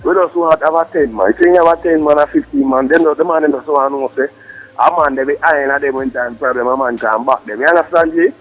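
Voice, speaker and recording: A man with a high voice and a Jamaican accent talks on a three-way phone call. He is emphatic, repeating himself in slangy patois, and the line is dull and muffled. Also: fast.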